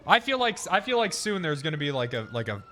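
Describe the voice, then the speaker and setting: 30s guy streaming, swears a lot, rambles, laughs, pretty bright tense voice. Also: fairly high pitch, sing-song, quick pace, slight background noise. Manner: profane, rambling storyteller who laughs often. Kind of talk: casual chat on a game stream.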